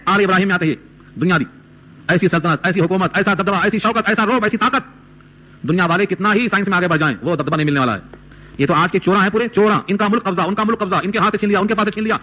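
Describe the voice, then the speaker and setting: A man's voice: high voice, sharp tone. A man giving a Quran commentary lecture, reciting Arabic verses and explaining them in Urdu with rhetorical questions. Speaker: Quran teacher.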